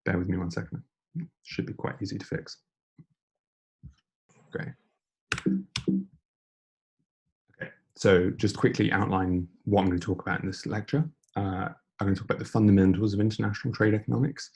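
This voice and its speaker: A young man giving an informal online lecture, speaking in a hushed near-whisper as quietly as possible, breathy as if losing his voice. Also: lowish voice, fairly even intonation, fairly quick. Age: young adult. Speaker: debating lecturer.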